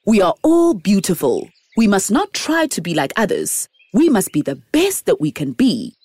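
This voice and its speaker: A woman voicing a kindly, wise sun in a storybook, gently instructive. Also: mid-range voice, wildly swooping pitch, normal speed, slightly rough, no room sound.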